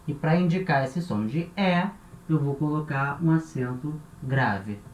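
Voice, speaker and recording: A man with a Brazilian Portuguese accent teaches a grammar lesson, patiently repeating every example. His voice sits a little high. The recording is roomy and echoey, with a faint hiss underneath. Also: expressive, measured pace. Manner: patient, repeats and spells out each form. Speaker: language teacher. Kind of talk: explaining French grammar in Portuguese. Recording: echoey room with faint noise.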